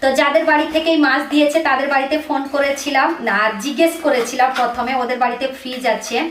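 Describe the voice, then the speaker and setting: A woman's voice: sits high, fairly even intonation, quick pace, a bit bright. Chatty woman vlogger in an echoey room. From Bengal. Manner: chatty, keeps asking the viewers "you know?". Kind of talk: casual home vlog chat. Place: small home kitchen indoors. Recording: echoey room, faint noise.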